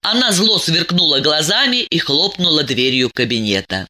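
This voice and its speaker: A woman narrating an audiobook with expressive, lively storytelling. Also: sits low, moderate pace.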